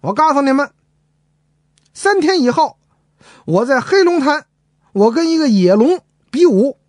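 A man's voice: very high voice, sing-song, a little slow, no echo, studio quality, pitched above the performer's own voice, exaggerated voice. A man voicing a young male dragon villain who swaggers and bullies. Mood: boastful. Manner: swaggering, bullying.

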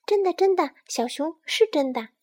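A woman voicing a small, timid, sympathetic sparrow in a children's story, speaking softly and pleadingly. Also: high-pitched, lively intonation, measured pace, pitched above the performer's own voice.

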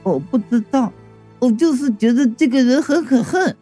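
Male narrator doing a high, plaintive girl ghost, confused and tearful, soft dark tone. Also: measured pace, soft background music.

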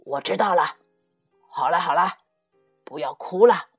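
A big, gruff tyrannosaurus dad from a children's storybook, rough but tender underneath, as a woman puts him on. His slow, low lines come out a little breathy, with soft music behind. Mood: soothing.

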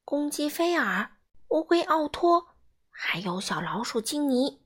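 A woman reading a children's storybook aloud in a gentle, expressive way. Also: sits high, slow.

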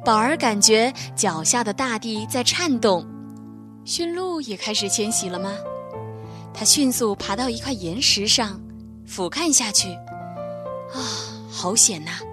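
A young woman telling a children's bedtime story in a gentle, expressive reading voice. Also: on the high side, unhurried, over music.

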